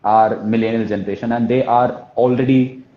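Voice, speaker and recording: Speaking a little fast in a steady, medium-pitched voice, the Kerala man with a Malayali Indian English accent coaches like a telesales trainer. He hammers points through repetition and keeps checking in with "right?" and "you know what I mean?" The sound is muffled, with a roomy echo.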